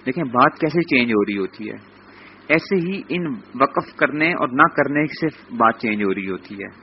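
Man teaching a class, steady voice, often checking that students follow, muffled lecture recording. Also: mid-range voice, a little hiss or hum. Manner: repeats "theek hai" as a check-in; explains slowly, spelling out letters. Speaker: Quran teacher. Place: lecture room.

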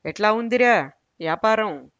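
A woman's voice: medium pitch, expressive, a little slow, fairly bright tone, no room sound. A woman reading the lines of a pompous, greedy old male holy man. She gives him a grave, commanding manner. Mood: blessing. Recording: dull lo-fi recording.

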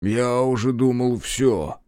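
A frightened storekeeper on the edge of hysteria, put on by a man reading a story. His voice jumps high and shrill, yelling in loud bursts. The sound is close and dry. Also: slow, clear, resonant tone, no room sound, natural voice. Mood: relieved.

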